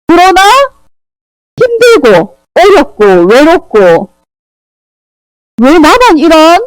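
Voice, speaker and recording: A woman teaching a children's Sunday school Bible lesson, animated and asking the children questions. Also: high-pitched, no echo, poor audio. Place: church classroom.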